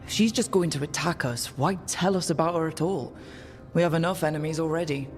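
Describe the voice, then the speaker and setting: A male actor as a young elven hero in a fantasy game. He is earnest and plain-spoken, with a fairly high male voice over prominent music. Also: a little fast, close to an everyday voice. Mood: wary. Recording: music under the voice.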